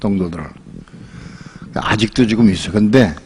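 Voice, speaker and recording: An older male pastor preaching a sermon in a relaxed, colloquial way, telling a personal story and acting out the voices in it. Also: fairly low pitch, moderate pace, breathy edge. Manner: colloquial storytelling, acts out quoted voices and laughs often.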